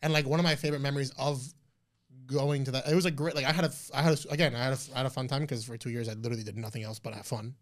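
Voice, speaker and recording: A man in his twenties, a podcast guest telling stories in a loose, profane, animated way. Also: medium pitch, rapid-fire. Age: 20s. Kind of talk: casual interview chat.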